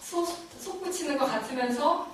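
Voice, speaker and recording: Middle-aged woman telling a lively testimony in an echoey room. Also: high voice, normal speed, recorded from a distance, slight background noise. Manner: animated, emotional storytelling with frequent laughs. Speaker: guest lecturer at a church faith lecture. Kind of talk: personal faith testimony talk. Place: church lecture room.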